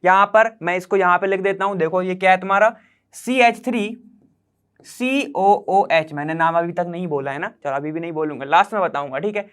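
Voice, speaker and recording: A brisk man with a high-pitched, fairly bright and smooth voice teaches chemistry problems in steps. He keeps things chatty, poses questions to the viewer, and punctuates his work with short "okay"s, often "theek hai."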